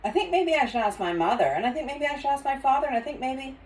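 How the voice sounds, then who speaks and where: A woman's voice: sits high, fast, darkish tone, recorded from a distance, pitched above the performer's own voice, lightly acted. An older woman voicing an anxious, rambling little boy in a grandmotherly storybook reading. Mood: hesitant. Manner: rambling, unsure, grandmotherly read-aloud.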